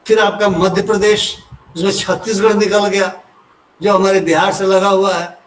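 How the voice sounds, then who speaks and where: An older man from Uttar Pradesh, a retired civil servant, explaining a topic in an unhurried lecture with homely examples and personal asides. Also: high voice, little pitch movement, slight background noise. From Uttar Pradesh, India. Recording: roomy echo from a distant mic.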